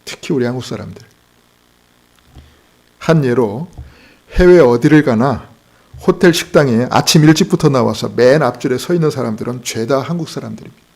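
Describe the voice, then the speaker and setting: A pastor gives a Sunday morning sermon, his gravelly, fry-tinged, mid-pitched voice a little mellow, with lively intonation, normal speed and long pauses. He throws rhetorical questions at his congregation and mixes in humorous stories.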